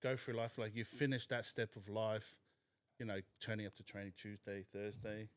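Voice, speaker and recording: A man's voice: on the low side, fairly even intonation, normal speed, a little hiss or hum. A young man from New Zealand, talking candidly and thoughtfully as a podcast guest. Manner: candid, reflective. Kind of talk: casual chat.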